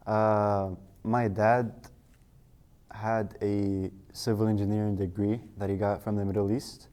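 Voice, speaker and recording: Young man with a low, flat, dark voice. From Saudi Arabia. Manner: calm, measured, with "uh" fillers. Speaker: guest.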